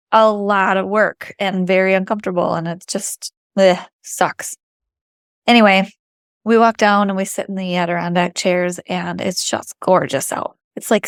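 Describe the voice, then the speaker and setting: A woman's voice: mid-range voice, no room sound, clean studio sound. A middle-aged woman with an Upper Michigan Yooper accent telling a personal story in a chatty, informal, emphatic way. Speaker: vlogger.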